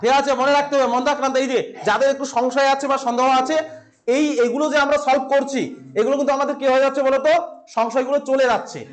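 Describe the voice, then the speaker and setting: A man with a West Bengal Bengali accent teaches an exam-prep class in a filmed classroom, speaking very fast in a very high voice with little pitch movement. He quizzes his students, repeats each answer, and throws in playful asides.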